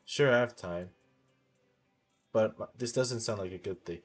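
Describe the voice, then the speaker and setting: Male game player, lowish voice, reads story dialogue aloud and fixes slips as he goes, over music. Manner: halting reading with misreadings corrected. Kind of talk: reading game story text aloud with reactions.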